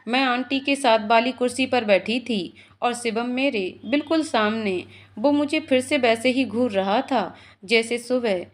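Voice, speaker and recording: A woman telling a heartfelt first-person romantic story in a lively, playful way. Her voice sits somewhat high. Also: measured pace, few pauses.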